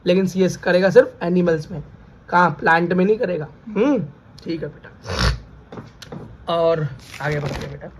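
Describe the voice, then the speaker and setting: A man's voice: high-pitched, unhurried, pauses often, a little hiss or hum. A man teaching biology in Hindi, who quizzes students by repeating key terms as questions and calls them "beta". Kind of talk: classroom lecture.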